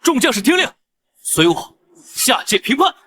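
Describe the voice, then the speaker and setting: A man's voice: very high voice, big pitch swings, moderate pace, pushed and bright, husky, heavily acted. A young man playing a loyal, rash senior disciple who scolds his junior sister. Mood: resolute. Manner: reproachful, warning. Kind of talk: dubbed costume drama acting.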